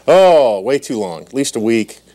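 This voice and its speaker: A man's voice: mid-range voice, sing-song, a little slow, mellow. A man in his forties from Minnesota with an American accent, chatting as a talk show guest with understated, dry humour, often repeating short phrases. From Minnesota, United States. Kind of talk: casual bantering interview. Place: small TV studio with audience. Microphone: lapel mic.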